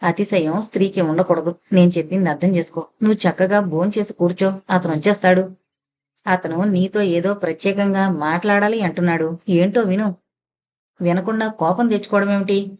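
A woman's voice: medium pitch, steady tone, moderate pace, a little mellow, close to an everyday voice. A woman voicing a female household attendant who coaxes and reasons with a young woman in an audio novel. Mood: coaxing. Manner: coaxing, reasoning. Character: persuading female household attendant, motherly advisor.

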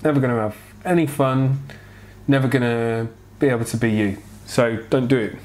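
A man in his thirties talks in a medium-pitched, wheezy voice, short of breath and a little unwell. He answers questions in a casual, frank and rambling style. It sounds like an informal vlog recorded on a clip-on mic at home. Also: fairly even intonation, normal speed, a little mellow. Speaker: vlogger answering viewer questions. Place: home kitchen, indoors. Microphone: clip-on lapel mic.

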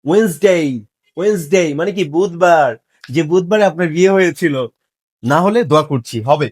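A man's voice: on the high side, fairly quick. A man teaching English pronunciation in a casual, joking way, teasing his viewers as he corrects them.

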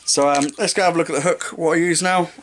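A young man in his twenties, a fishing vlogger, shows his tackle to a close camera mic in a small room with a striped curtain, talking fast in a fairly high, even voice with a little hiss or hum. He rambles casually, keeps correcting himself mid-sentence, and tosses off jokes about his knots and lighting.

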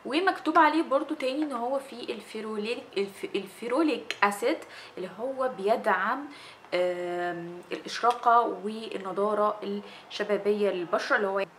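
Fast-talking Egyptian woman reviewing skincare. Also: medium pitch, a little hiss or hum. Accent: Egyptian Arabic. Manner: chatty, animated, gestures with her hands while talking. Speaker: beauty vlogger. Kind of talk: casual product review. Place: small indoor room with fairy lights.

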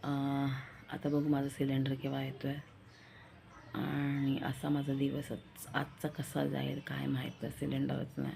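Low, dark-voiced woman chatting casually. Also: completely flat delivery, unhurried, gravelly, slight background noise. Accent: Marathi. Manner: rambling, confiding, repeats herself. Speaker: vlogger. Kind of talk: casual vlog chat.

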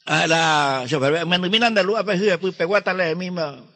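A man's voice: high-pitched, normal speed, bright, forceful tone, long reverb tail. A man telling rambling comic jokes in a dialogue, mixing in Guarani. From Paraguay. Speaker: comic joke teller.

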